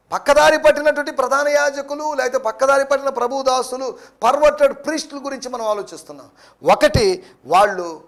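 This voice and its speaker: High, gravelly male preacher. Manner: preaching with English phrases mixed in, emphatic. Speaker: pastor. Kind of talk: sermon.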